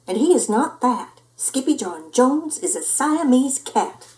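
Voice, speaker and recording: Woman playing a frazzled, high-voiced scolding mother cat. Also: sing-song, unhurried, a little mellow, low-quality recording. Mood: exasperated. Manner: dramatic, exasperated. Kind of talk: children's storybook character voice.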